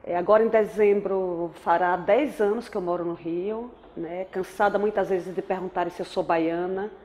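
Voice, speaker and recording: An anthropologist in her forties from Aracaju, Sergipe, Brazil, tells her life story in a thoughtful, reflective way with a Sergipe accent, often adding tag questions. Her voice is on the low side and darkish, fairly even in intonation, at a moderate pace.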